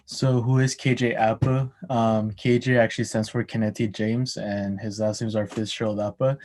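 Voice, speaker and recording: Young man, student presenter, flat delivery, mellow tone, halting. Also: fairly low pitch. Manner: hesitant, many ums and restarts. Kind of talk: class oral presentation.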